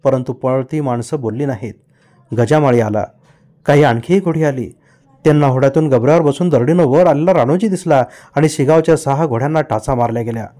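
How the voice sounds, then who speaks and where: A man's voice: medium pitch, fairly quick, mellow. A man reading a novel aloud as an audiobook, narrating with vivid storytelling. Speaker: audiobook reader.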